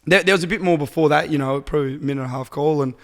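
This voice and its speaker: An Australian man co-hosting a podcast, telling stories in a relaxed way and laughing often. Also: on the high side, rapid-fire, long reverb tail. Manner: laid-back storytelling, laughing often. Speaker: podcast co-host. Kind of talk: casual chat.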